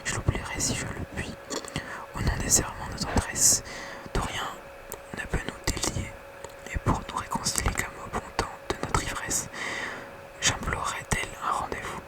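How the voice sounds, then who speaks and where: A very quiet, night-time whisper reading poetry softly in an ASMR bedtime style. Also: moderate pace, poor audio. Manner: hushed bedtime reading with casual whispered asides. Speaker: ASMR reader.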